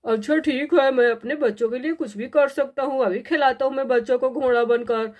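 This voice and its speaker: A woman's voice: high-pitched, fairly even intonation, fairly quick, darkish tone, lightly acted. A woman voicing a jolly, doting elderly grandfather in a doll story, cheerful and mock-weary. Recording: dull lo-fi sound.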